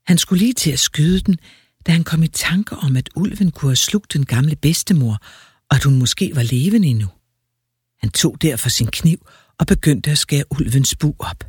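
A man reading a fairy tale aloud with a lively, expressive storyteller delivery. His voice is very breathy, and the recording is close and dry. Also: fairly high pitch, no room sound.

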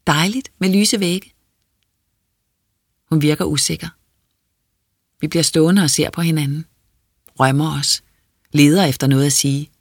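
An audiobook reader giving quiet, measured, introspective first-person narration. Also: mid-range voice, flat delivery, no room sound, clean studio sound.

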